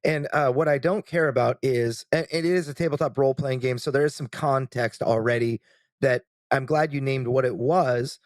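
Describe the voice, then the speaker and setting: A man's voice: medium pitch, moderate pace, no room sound, studio quality. A man co-hosting a podcast, chatting casually and thinking aloud with plenty of fillers. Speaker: podcast co-host.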